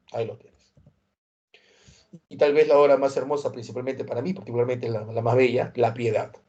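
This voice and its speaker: A man from Peru lectures on history to exam students, with a mid-range voice. He tells stories with animation and keeps tossing in quick check-in questions. The recording is slightly dull and lo-fi. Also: mid-range voice. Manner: animated storytelling, frequent tag questions. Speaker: history teacher. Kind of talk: university prep lecture.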